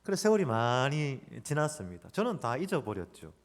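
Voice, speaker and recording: Animated male pastor in a reverberant church. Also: medium pitch, brisk. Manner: animated storytelling, acting out quoted lines. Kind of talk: sermon with personal story. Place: church sanctuary. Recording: long reverb of a church hall.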